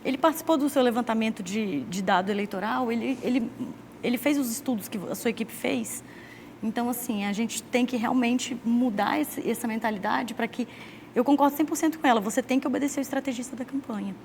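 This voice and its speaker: A Brazilian woman sits as a guest on a studio talk show and lays out her organization's work in a steady, explanatory way. Her voice is a little high for a woman, and she picks up speed when she quotes others. A faint hiss sits under the recording. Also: fairly quick. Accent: Brazilian Portuguese.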